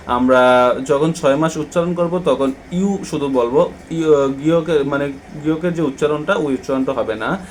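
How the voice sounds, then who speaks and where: A man with a Bangladeshi Bengali accent explaining textbook vocabulary as a language teacher, pausing often with drawn-out fillers. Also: fairly high pitch, slight background noise. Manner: hesitant, many drawn-out "ah" fillers between words.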